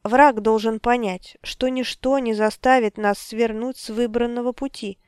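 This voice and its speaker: A cold, unyielding male wizard lays down his refusals in firm, measured tones, as a woman reader puts him on. The voice stays smooth and clear. The sound is dry and close. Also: a little high, fairly even intonation, a little mellow, no echo, natural voice.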